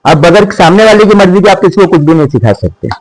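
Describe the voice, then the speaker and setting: A middle-aged man, a school principal, talking to teachers in a mix of Hindi and English, slowing down to stress short English maxims. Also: high-pitched, expressive, no echo, poor audio. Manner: mixes Hindi with English maxims, slows for emphasis. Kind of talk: speech to teachers.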